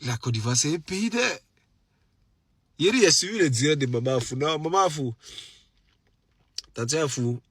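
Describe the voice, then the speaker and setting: Speaking at normal speed with frequent pauses, this man has a slightly high, expressive voice with a little roughness, captured in studio quality without echo. He's a live streamer with an Ivorian French accent and a cold, chatting animatedly with followers late at night and repeating phrases for emphasis.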